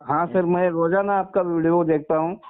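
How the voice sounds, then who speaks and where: A sixty-one-year-old former soldier from Maharashtra, India, phones in to share a personal story, deferentially calling the listener "sir" again and again. His voice sits high and steady, clear and resonant, at a moderate pace. The call sounds tinny and narrowband.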